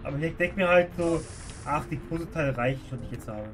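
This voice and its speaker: A man's voice: fairly high pitch, fast talker, crowd noise. A man giving casual live commentary as he plays a game on stream. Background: video game music.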